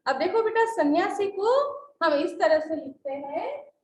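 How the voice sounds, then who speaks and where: Lively-voiced woman teaching a class. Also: very high-pitched, unhurried, reverberant, a little hiss or hum, low-quality recording. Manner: patient, repeats words and asks checking questions. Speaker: school Hindi teacher. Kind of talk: classroom lesson explaining spelling.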